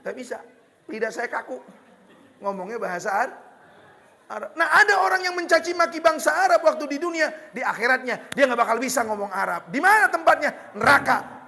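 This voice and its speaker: A man with a Betawi accent preaching a lively, joking sermon, slipping into Betawi slang. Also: high-pitched, in a large hall. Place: hall with religious gathering.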